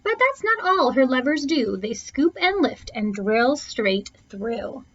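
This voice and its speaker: This storybook reading of rhyming verse is slow and sing-song, carried by a woman's high, slightly bright voice. She leans on key words, stretching some and punching others, and the recording sounds dull and lo-fi.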